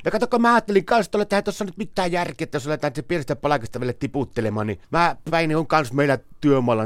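A man playing a naive, bewildered henpecked man in a comedy sketch, rambling and muddling his words excitedly. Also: mid-range voice, dry recording, close to an everyday voice. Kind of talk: scripted comedy dialogue.

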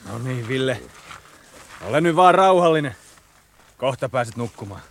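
A jovial, tipsy soldier comrade. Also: male voice, mid-range voice, expressive, fairly bright tone. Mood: soothing. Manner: hearty, coaxing, laughing. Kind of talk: radio play acting.

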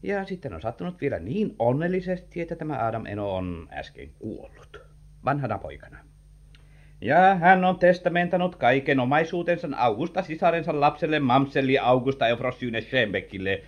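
A sly, flirtatious gentleman who talks with big theatrical swoops, rising and falling all over. It sounds like a dull, lo-fi vintage radio recording. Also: a little high, animated. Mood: smooth. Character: sly, flirtatious gentleman bearing news of an inheritance. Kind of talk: vintage radio play acting.

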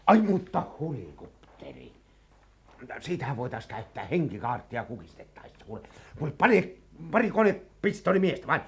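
An actor playing a boisterous, bragging adventurer turned rebel colonel who bellows military commands, in a vintage radio drama. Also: male voice, mid-range voice, huge pitch swings, vocal fry, slightly rough, full character voice. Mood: scheming, boastful. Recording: noisy old radio play, crowd behind.

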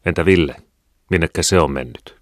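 A man's voice: extremely low pitch, no echo. Man doing a harried poor mother, scolding, raised voice, storybook reading, dry close sound. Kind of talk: audiobook character reading.

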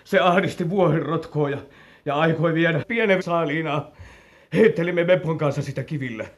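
Stammering farmer dad, fairly high voice, a man acting it out, old radio play. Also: lightly acted. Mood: anxious. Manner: stammering, anxious. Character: worried mountain farmer father. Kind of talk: 1950s school radio drama.

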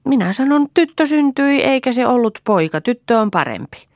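An eager little girl chatters in a high, excited voice, tumbling out one question after another, as a woman reading the story puts her on. She has a slight gravelly edge and a lively, bouncing melody. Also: no room sound, clean studio sound.

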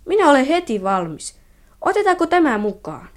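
A woman's voice: high voice, sing-song. A woman voicing a shy, lonely young boy in a radio play, talking in a timid, glum way. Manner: timid, glum and self-pitying.

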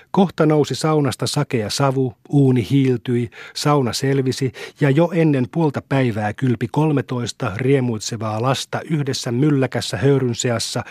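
A man narrating a classic novel in a steady, measured storytelling manner. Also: medium pitch, dry recording, studio quality. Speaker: audiobook reader.

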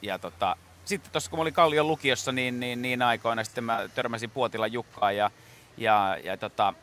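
A man's voice: mid-range voice, a bit bright, a little hiss or hum. Rambling, filler-heavy impressionist man. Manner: rambling, many fillers and restarts. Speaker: guest impressionist. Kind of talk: casual interview talk.

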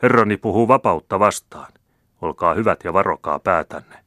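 A man reading an audiobook, voicing an older hot-tempered general who shouts fiery demands. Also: low voice, no room sound, clean studio sound.

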